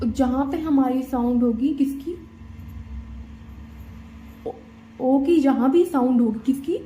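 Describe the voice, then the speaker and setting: Still on steno vowels, the teacher patiently walks through each rule in a high, slow voice with a dark tone, often checking in and repeating "theek hai" and "dekho." The lo-fi recording is dull and echoey, with a slight hiss or hum.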